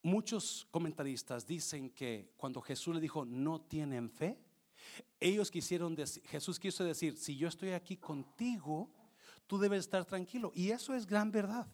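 A male pastor preaching a fervent sermon that swings between shouting and hushed tones. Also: on the high side, normal speed.

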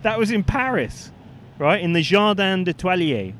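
A man's voice: high-pitched, big pitch swings, moderate pace. A British man co-hosting an informal podcast, telling history in a hesitant, self-correcting way. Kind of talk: informal explanatory chat. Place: walking outdoors in London. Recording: outdoor street with faint traffic noise.

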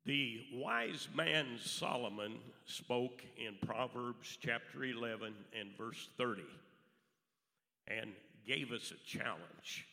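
A man preaching a church sermon in a raspy, hoarse voice, speaking deliberately in short weighted phrases. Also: medium pitch, bright, forceful tone. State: hoarse from allergies. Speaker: pastor preaching to a congregation. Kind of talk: church sermon with Bible readings and prayer. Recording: reverberant hall, faint music.

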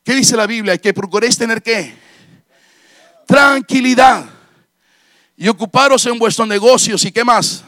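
A middle-aged pastor preaches fervently, with a strikingly high-pitched voice. He repeats his hallelujahs and pushes into shouted peaks. The sound is dry and close, with no room echo. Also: unhurried, long pauses. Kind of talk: sermon.

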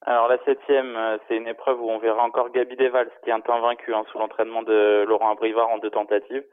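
A man calling in over a phone line, giving his horse racing picks in a steady, measured way with frequent hesitations. His voice sits at an ordinary pitch for a man, and the line makes it sound thin and tinny, like a phone patched into a radio broadcast. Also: smooth. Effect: heard over a phone line into the studio. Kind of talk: casual radio betting chat.

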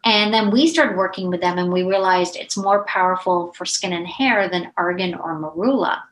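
A middle-aged woman, a beauty brand founder, telling stories in a casual interview, animated and chatty with many asides. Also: on the low side, normal speed. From United States. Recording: roomy echo.

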